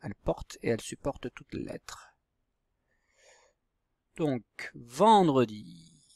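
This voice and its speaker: This primary school teacher has a medium-pitched, warm, sing-song voice and talks slowly, with no room sound audible. His recorded handwriting and reading lesson for young children has him carefully spelling out syllables and letters.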